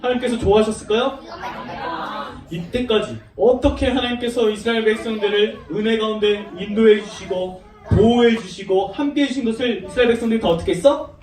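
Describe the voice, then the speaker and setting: A woman giving a lively sermon to young children, asking them questions and acting out the story. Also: on the high side, a little fast. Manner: animated, questions children, acts out voices. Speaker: children's Sunday school preacher. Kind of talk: children's sermon with call and response. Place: large church hall. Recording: roomy echo, distant mic.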